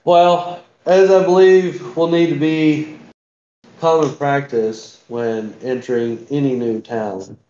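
A man chats casually as a player at a tabletop game. His voice is on the high side for a man. The recording has plenty of room sound and is a bit dull. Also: steady tone, slow, dark tone. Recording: roomy, slightly dull.

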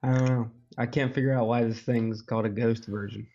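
A man's voice: mid-range voice, steady tone, brisk, mellow, dull audio. A man co-hosting a podcast in casual chat, easygoing and rambling. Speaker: podcast co-host.

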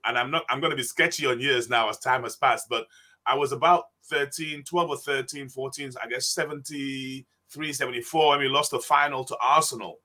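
A man's voice: mid-range voice, steady tone, a little fast, pushed and bright. A man in his sixties, guest on an interview podcast, telling stories and often laughing as he talks. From England. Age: 60s. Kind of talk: casual interview.

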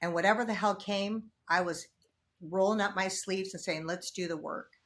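Speaking at a moderate pace in a mid-range voice, this middle-aged podcast guest keeps the conversation casual and lively, voicing her own thoughts as if performing them. There's a faint hiss or hum on the recording.

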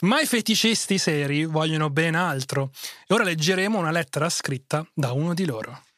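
A man's voice: a little high, animated, brisk, fairly bright tone, dry recording, clean studio sound. A man hosting a casual comic talk show, speaking in a colloquial, joking way. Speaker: podcast host.

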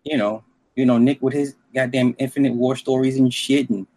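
Middle aged dude, raspy husky voice, casual rambling chat, lots of slang and cussing. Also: male voice, mid-range voice, fairly even intonation, fairly quick, warm tone. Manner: profane, slangy, rambling storytelling.

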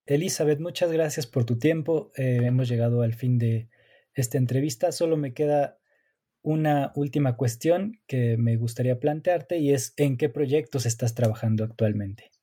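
Dark, husky male podcast host. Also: mid-range voice, normal speed. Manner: polite, formal wrap-up. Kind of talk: podcast interview.

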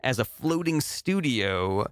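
A man hosting a comedy mock interview, asking earnest questions full of ums and uhs. His voice moves lively up and down at a middle pitch, and it sounds close and dry. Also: slow, no room sound. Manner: earnest questions with fillers and giggles.

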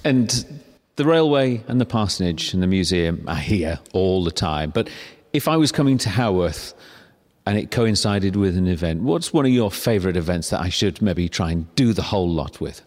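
A man's voice: sits low, expressive, normal speed, a little mellow, no room sound, clean studio sound. A man hosting a podcast, presenting and interviewing in the manner of a travel guide. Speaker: podcast host. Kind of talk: scripted introduction and on-location interviewing.

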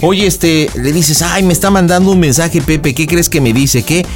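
A man hosting a radio prank show, coaching a caller through a prank in a playful, animated way. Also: on the high side, moderate pace, music in the background.

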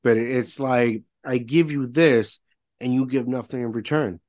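A man with a middle-pitched voice speaks candidly as a guest on a casual podcast. He peppers his talk with fillers. The sound is dry and close. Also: unhurried, darkish tone, dry recording. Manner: candid, frequent fillers like "you know". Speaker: guest, real estate entrepreneur. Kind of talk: casual conversation.

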